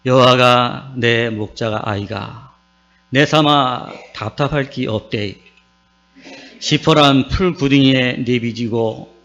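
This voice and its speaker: A man voicing a plainspoken rural man who recites a psalm in a broad Gyeongsang dialect, slowly and in a folksy, drawn-out way. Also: mid-range voice, fairly bright tone. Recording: dull recording with mains hum.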